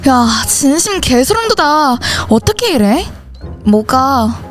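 A woman's voice: high voice, big pitch swings, takes it slowly, soft background music. A woman voicing every teenage schoolgirl character in a school horror story, switching between them in dialogue. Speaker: channel host and voice actor.

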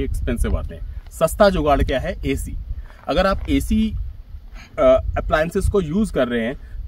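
A man's voice: mid-range voice, darkish tone, far from the mic, a little hiss or hum, low-quality recording. A middle-aged man explaining, in a practical way, how he built his small camper van, recorded outdoors on a hillside. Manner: practical, explanatory, gestures while talking. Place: outdoors on a grassy hillside beside a small car. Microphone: camera at a few metres.

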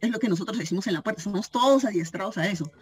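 A woman giving an informal training talk on a video call, telling lively anecdotes and acting out the voices of the people in them. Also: mid-range voice, very fast. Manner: animated storytelling, acting out quoted voices, frequent "¿sí?" check-ins. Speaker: cooperative store member giving a training talk.

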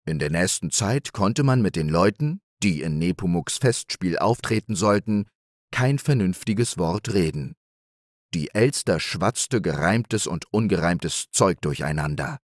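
A man reading a fairy tale aloud as a calm bedtime story narrator. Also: low-pitched, unhurried, no room sound, studio quality. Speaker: audiobook reader.

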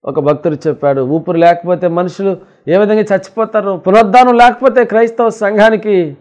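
Man preaching a passionate sermon. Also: a little fast. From India. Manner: emphatic preaching, rising loud on scripture, dropping low after; addresses listeners as children of God. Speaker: pastor.

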